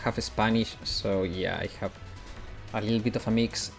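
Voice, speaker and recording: On a live gaming stream, an Italian man with a mixed British and American English accent chats casually, answering viewers' questions while he plays. His lowish, creaky voice stays steady at a normal speed, with faint music behind him.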